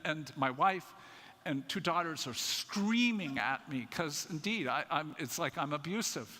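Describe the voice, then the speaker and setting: An older man giving a conference talk in a church, telling a family story in an animated, self-mocking way. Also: fairly high pitch. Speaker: conference speaker. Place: church sanctuary. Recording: echoey church hall.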